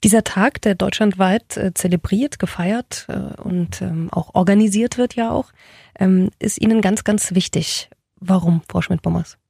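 A woman's voice: mid-range voice, measured pace, gravelly, a little mellow, slightly rough, no echo. A woman speaking as a public radio host in a studio, welcoming guests politely and putting questions to them conversationally.

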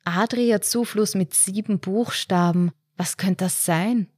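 A woman's voice: medium pitch, slow pace, a little mellow, husky, no echo. A woman voicing an unflappable elderly husband in a read short story. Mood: unbothered. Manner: placid, dry, unbothered.

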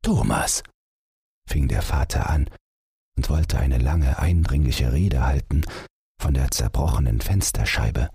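Gender: man. Role: bedtime story reader. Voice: very deep and husky. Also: a little slow, no room sound, clean studio sound. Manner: calm, expressive storytelling. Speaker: audiobook reader.

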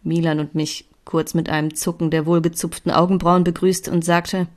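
A woman reading a romance story aloud in an expressive first-person narration. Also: lowish voice, moderate pace. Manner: expressive, voicing characters. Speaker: audiobook reader.

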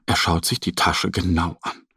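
A man narrating a children's story in a very expressive, sing-song storytelling manner. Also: deep voice, moderate pace, creaky, breathy edge, no room sound, clean studio sound.

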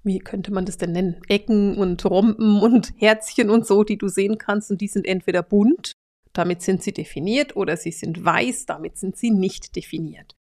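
Swiss woman explaining in a lively solo podcast. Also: mid-range voice, moderate pace. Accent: Swiss German. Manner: lively, acts out little quoted voices, drops to a whisper for emphasis. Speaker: podcast host and Human Design coach.

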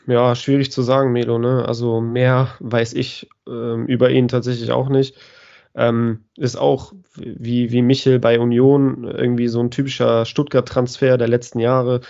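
A man co-hosting a podcast, giving hesitant, measured analysis with lots of fillers. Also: medium pitch, flat delivery, creaky, dark tone. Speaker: podcast co-host. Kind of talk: casual analysis. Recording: dull lo-fi sound.

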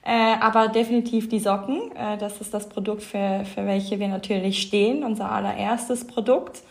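A woman in her thirties from Switzerland with a Swiss accent, a company co-founder chatting as a podcast guest with many fillers and frequent laughs. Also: mid-range voice. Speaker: fashion label co-founder, guest. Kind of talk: casual podcast interview.

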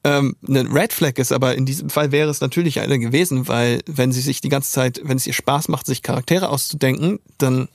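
A man's voice: mid-range voice, a little fast, creaky, hardly any pauses, no echo, studio quality. A young man animatedly telling a personal story as a guest, acting out the dialogue in raised voices.

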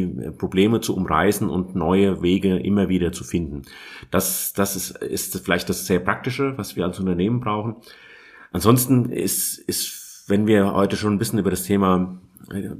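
A man answering as a guest from industry, thinking aloud and restarting phrases as he searches for the right word. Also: low voice. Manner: thoughtful, restarts phrases while searching for words. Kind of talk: conversational interview answer.

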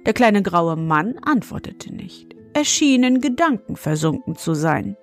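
A woman reading a children's story aloud in a calm, measured narration. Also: mid-range voice, faint music behind.

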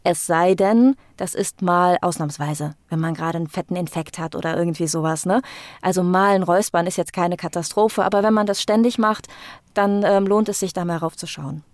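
A woman's voice: on the low side, steady tone, brisk, no echo, clean studio sound. A woman voice coach explaining her work in a podcast interview, thoughtful and explanatory, with frequent fillers.

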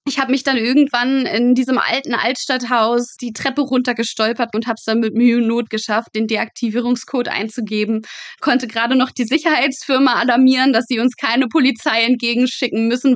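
A young adult woman, a medical student working in pathology, tells stories as a podcast guest in a casual, chatty, emphatic interview style. Her voice is a little high, and the recording is dry.

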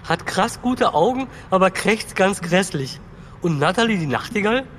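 A man's voice: high voice, lively intonation, normal speed, fairly bright tone, a little hiss or hum. An actor voicing a cheerful young male foal who talks in casual slang in a children's audio drama. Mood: chatty.

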